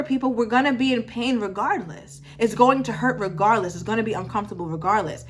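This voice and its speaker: A little high and a bit bright, this woman's voice carries a casual motivational talk aimed at her viewers. She's in her twenties, a vlogger who stays emphatic, uses repetition to drive points home and stops to correct herself.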